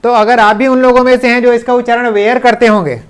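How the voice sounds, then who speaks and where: A man teaching English grammar in a video lesson, explaining patiently and slowly repeating English example sentences. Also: very high-pitched, level tone, clean tone. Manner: mixes English sentences into his speech. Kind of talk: classroom-style video lesson.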